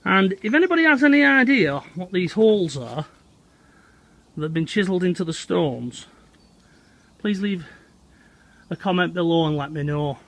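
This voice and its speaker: A middle-aged man with a broad Lancashire accent talks to his viewers in an easy, chatty way as he walks through winter woodland. His voice sits slightly higher than most men's. He is filmed outdoors on a phone held at arm's length. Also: lively intonation, normal speed, long pauses, fairly bright tone. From England. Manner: chatty, addresses viewers as "Hot Potters". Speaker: vlogger exploring old railway sites. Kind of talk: walking outdoor vlog to camera. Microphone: phone camera held at arm's length.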